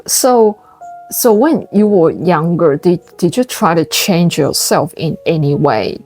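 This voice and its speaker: Breathy-voiced woman host from Taiwan. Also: on the low side, animated, slow pace, a little mellow, faint music behind. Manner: hesitant, restarting, earnest questions. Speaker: interviewer, host. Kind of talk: interview conversation.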